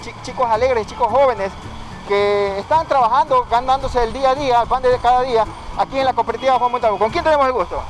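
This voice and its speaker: Street reporter, man, high voice, stammers on his questions, music bed. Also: low-quality recording. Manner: quick questions with repeated words. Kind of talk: street interview. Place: outdoors on a city street. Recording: music under street interview.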